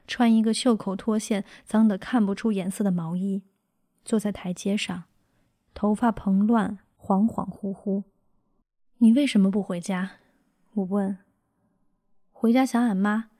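A woman reading her memoir aloud in a calm, subdued, reflective way. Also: mid-range voice, no echo, clean studio sound. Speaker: narrator.

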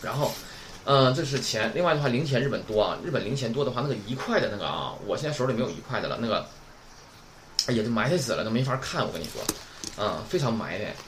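A man's voice: mid-range voice, big pitch swings, fast, slight background noise. A man, teaching an online class. He is chatty and keeps asking the class "right?". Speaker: Japanese teacher.

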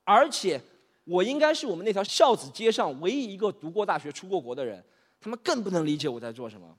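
A man in his thirties from Shanghai doing a stand-up set, animated, slipping English phrases into his talk and acting out characters. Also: high voice, fast. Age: 30s. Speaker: stand-up comedian. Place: stage in a hall. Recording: reverberant hall.

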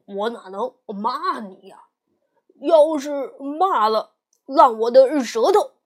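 A woman's voice: high voice, lively intonation, slow, exaggerated voice. A woman storyteller voicing a cowardly, greedy male pig monk who hems, fawns and pleads. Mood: pleading. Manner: hemming, fawning, pleading. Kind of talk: storybook character voice.

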